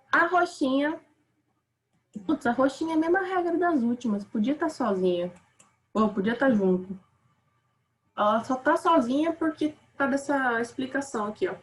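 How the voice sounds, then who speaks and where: A woman's voice: on the high side, rough recording. A woman with a Brazilian Portuguese accent teaching a casual online grammar lesson, chatting with her students.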